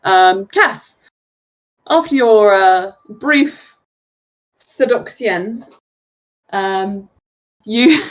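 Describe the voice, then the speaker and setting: Slow-narrating woman game master. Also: medium pitch, expressive, rough recording. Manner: slow, loose narration with fillers.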